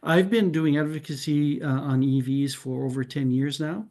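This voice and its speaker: A Canadian man whose first language is French joins a casual group discussion, thinking aloud with frequent restarts and ending his points with "right?". His voice is low and mellow, his intonation fairly even, and his pace moderate.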